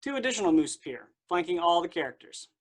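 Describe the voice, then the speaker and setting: A man's voice: high-pitched, big pitch swings, fast. A man narrating a tabletop game as game master in a dry, matter-of-fact way.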